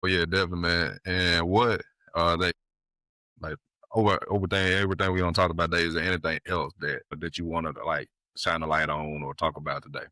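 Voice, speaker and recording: A man in his late thirties hosts a casual interview podcast with a very low but bright voice. He is easygoing and keeps the talk moving with short agreements. The sound is dry. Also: steady tone, fast talker, no echo. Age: 30s. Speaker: podcast host.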